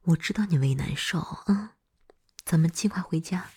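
A woman playing a breathy, hot-tempered older girlfriend, in whispered role-play. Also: on the low side, moderate pace, mellow. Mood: coaxing. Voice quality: very breathy, husky. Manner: swears freely, swings from scolding to coaxing.

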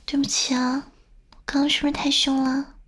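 A woman's voice: high-pitched, little pitch movement, a little fast. A young woman playing a stern but doting older sister who scolds and coaxes the listener, in a whispered role-play. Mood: soothing. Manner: scolding, then coaxing softly.

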